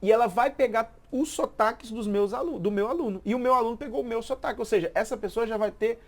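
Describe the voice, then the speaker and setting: Talking fast in a slightly high voice, a woman on a live stream casually walks through a point like a language teacher. She says things more than once and asks whether you follow.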